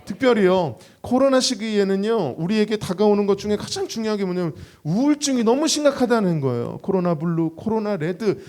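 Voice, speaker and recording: A man, a pastor and gospel singer, giving a sermon at a praise concert, telling stories with acted quotes. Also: high voice. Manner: lively storytelling with acted quotes. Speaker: radio and online show host.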